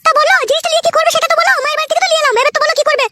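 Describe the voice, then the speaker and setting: A woman putting on a shrill voice to play a quarrelsome young village wife who grumbles and complains in a comic skit. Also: fairly even intonation, rapid-fire, very noisy. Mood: nagging.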